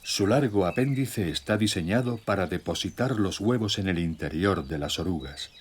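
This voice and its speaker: A man narrating a scripted nature documentary in a measured, solemn storytelling way. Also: deep voice, expressive, slight background noise. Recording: music bed with nature sounds. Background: music, birdsong and nature sounds.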